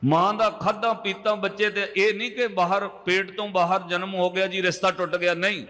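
High, bright-voiced male preacher in a reverberant hall. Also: little pitch movement. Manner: addresses congregation, chants scripture lines slowly. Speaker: Sikh preacher. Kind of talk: katha sermon storytelling.

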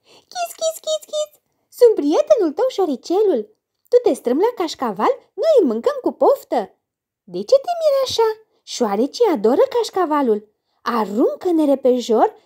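A woman voicing a tiny, cheerful, helpful mouse in a children's story, with squeaky chirping calls. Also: wildly swooping pitch, dark tone, full character voice. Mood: chirpy. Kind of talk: storybook character voice.

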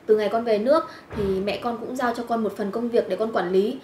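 An actress playing a polite, soft-spoken rich young woman newly back from abroad. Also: fairly high pitch, a little fast, slight background noise, close to an everyday voice. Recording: roomy echo, music behind.

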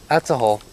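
A young adult vlogger exploring an overgrown yard outdoors talks to his handheld camera in an uneasy, hesitant way, leaving sentences unfinished. His voice is a little high with vocal fry, and the low-quality recording has slight background noise.

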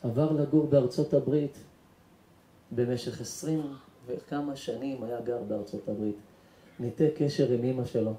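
A man, a rabbi, telling an emotional story in a sermon and acting out its characters, moving from hushed tones to shouts. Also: mid-range voice, steady tone. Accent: Israeli Hebrew. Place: synagogue or event hall. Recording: echoey room.

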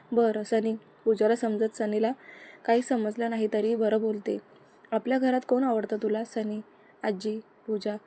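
A woman reading a romantic story aloud in a soft, intimate way, speaking both lovers' lines herself. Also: on the high side. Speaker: narrator. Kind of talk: storytelling narration with dialogue.

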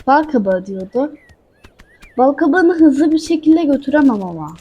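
In lo-fi sound, a woman with a high, sing-song voice talks at a normal pace during a casual let's-play. She chats with her viewers as she plays and answers back to an in-game character.

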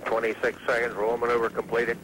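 A man announces in mission control radio style over clear noise from an old broadcast. His mid-pitched voice stays very even, reading out clipped, factual status updates quickly. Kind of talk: live mission control radio launch commentary. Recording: noisy old space launch broadcast.

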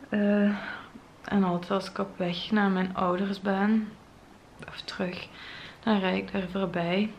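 Having just cried, a young Flemish-accented vlogger speaks to a close-range camera in a bright, modern home, her medium-pitched voice soft, breathy, and heavy with tears, trailing off into whispers. It's an emotional monologue, with slight noise in the background.

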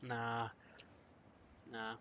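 A man's voice: medium pitch, monotone, drawn-out words, pushed and bright, clear, resonant tone, no echo, muffled recording. A man chatting casually while playing a game, muttering to himself as he loots. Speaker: player.

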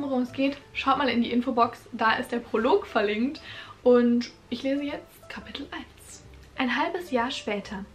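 A woman's voice: a little high, fairly bright tone. A young woman reading her own teenage crime story aloud and breaking off for sarcastic comments on the writing. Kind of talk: reading aloud with joking asides.

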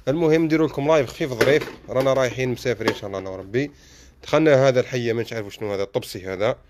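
A man with an Algerian Arabic accent talks quickly through a live tour of a housewares bazaar, calling out to viewers and inviting them in. He sounds like he's holding a phone as he walks. Steady background noise and the clink of dishes and cutlery run under his voice. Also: medium pitch. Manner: calls out greetings and prices, inviting viewers. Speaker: live-stream host touring a shop. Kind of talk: casual live-stream shop tour. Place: indoor household-goods bazaar.

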